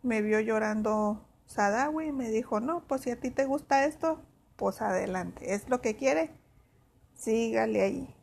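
A woman's voice: fairly high pitch, a little slow, vocal fry, darkish tone, a little hiss or hum. Woman telling a painful personal story. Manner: emotional retelling, acts out quoted dialogue.

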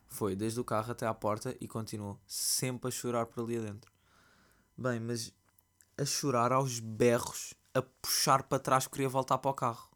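A young man with a European Portuguese accent hosts his own podcast in a mid-range voice. He rambles through a story with lots of slang, ranting and animated. He sounds sleepy, recording at home late at night on his computer mic. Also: mid-range voice. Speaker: podcast host. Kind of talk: casual solo podcast monologue.

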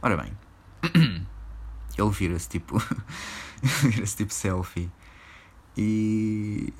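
A man's voice: lowish voice, drawn-out words, a little mellow, breathy edge. A young man with a European Portuguese accent, hosting a casual solo podcast, rambling in slang and swearing, laughing often. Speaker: podcast host.

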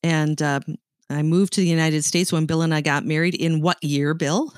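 A middle-aged Canadian woman with a light accent co-hosts a podcast in casual chat, her low voice fairly even in intonation at normal speed. She's a chatty storyteller who laughs often, captured in clean studio sound without echo.

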